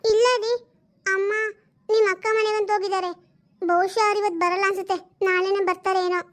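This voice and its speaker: A woman's voice: very high voice, flat delivery, a little fast. A woman voicing a tearful, protective mother who pleads and sobs. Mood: worried. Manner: pleading and tearful, often sobbing. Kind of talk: home-made family drama.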